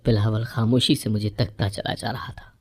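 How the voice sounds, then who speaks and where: A woman narrating a first-person moral story in a measured, even reading voice. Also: very deep voice, gravelly.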